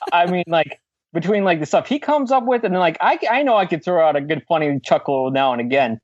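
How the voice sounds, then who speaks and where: A man's voice: fairly high pitch, sing-song, brisk, no echo, dull audio. A man, a co-author guest in a casual remote interview, jokes, laughs often and fills his talk with "like". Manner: joking, laughs often, says "like" a lot.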